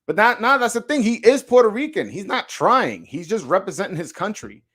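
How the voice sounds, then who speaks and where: Very animated and a little fast, this man has a high-pitched, fairly bright, slightly rough voice and a New York accent. Hosting a boxing livestream, he swears, uses slang, stammers through frequent restarts and reacts to viewer comments.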